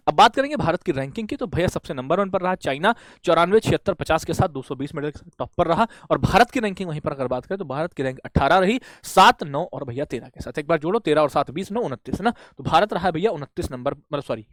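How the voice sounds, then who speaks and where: A male exam-prep teacher giving a classroom-style lecture, firing quick questions at students and answering them himself, with frequent friendly fillers. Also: fairly high pitch, expressive, a bit bright, no room sound. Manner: asks quick questions and answers them himself, says "bhaiya" and "theek hai" often.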